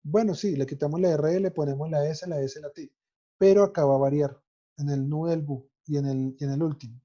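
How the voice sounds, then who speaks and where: Dark-voiced teacher. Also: male voice, fairly high pitch, fairly even intonation, brisk, dull audio. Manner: methodical, spells out endings letter by letter. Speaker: French teacher. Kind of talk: recorded online grammar lesson.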